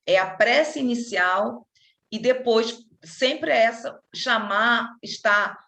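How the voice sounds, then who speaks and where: A woman leads a spiritist study group, explaining things patiently and circling back through fillers and restarts. Her voice sits a little high. It rings in a roomy, echoey space. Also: slow pace, bright, forceful tone.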